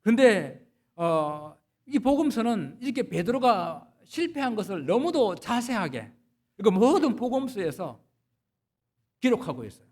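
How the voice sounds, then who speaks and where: A man's voice: high voice, very animated, a little slow, darkish tone. A man, a pastor, preaching a Sunday sermon, retelling scripture stories and asking the congregation rhetorical questions.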